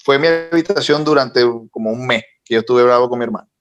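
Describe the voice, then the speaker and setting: A young man, co-host of a talk podcast, telling a personal story in a casual, animated way that builds in intensity. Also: mid-range voice, quick pace, lo-fi sound. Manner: animated, recounting with rising intensity.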